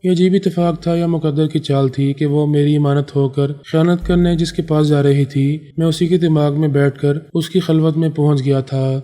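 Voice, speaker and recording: A man narrating a story in a steady, dramatic reading style. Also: a little high, few pauses, faint music behind. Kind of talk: scripted narration.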